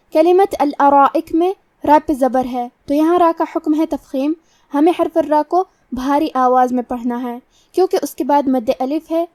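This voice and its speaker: A woman with a Pakistani Urdu accent teaching tajweed, explaining each pronunciation rule step by step before reciting slowly. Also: high voice, dark tone, dry recording, recorded from a distance. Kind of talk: tajweed lesson with slow recitation.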